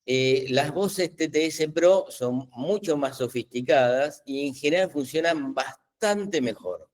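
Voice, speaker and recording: A man's voice: on the high side, slow pace, a little mellow. A middle-aged man, hosting a live webinar Q&A and explaining patiently with many fillers and restarts. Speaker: webinar host explaining AI tools.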